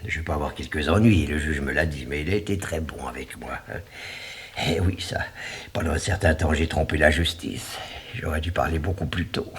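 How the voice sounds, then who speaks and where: An actor playing a vain, manipulative crime writer in a 1980s radio drama, theatrical and swinging between cooing whispers and shrill outbursts. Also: male voice, normal speed, slight background noise. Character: scheming middle-aged male crime writer, vain and manipulative. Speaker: Anselme Leroy, suspect author.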